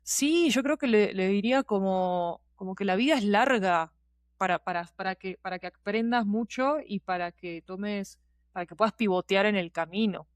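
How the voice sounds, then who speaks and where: A woman with a mid-range voice speaks at a normal pace in a recording free of room sound. She is a podcast guest who produces a fiction podcast, and she gives a candid, reflective interview answer in colloquial language, frequently checking that the listener is following.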